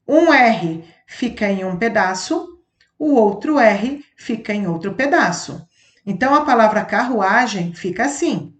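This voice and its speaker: A woman with a fairly high voice gives a classroom phonics lesson at a slow, deliberate pace. She drags out example words and enunciates every syllable carefully. Her voice echoes around the room. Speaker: teacher.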